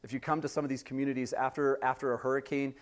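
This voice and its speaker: A man's voice: mid-range voice, level tone, rapid-fire. A man in his forties, a pastor preaching a sermon in a conversational way, often checking in with the congregation with rhetorical questions. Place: church sanctuary before a congregation.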